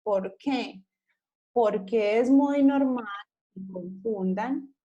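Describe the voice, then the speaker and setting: Slow, high-voiced teacher. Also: female voice, warm tone, highs cut off. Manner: slow, careful modeling of English pronunciation, switching to Spanish; affectionate with students. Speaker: English teacher. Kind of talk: recorded online class.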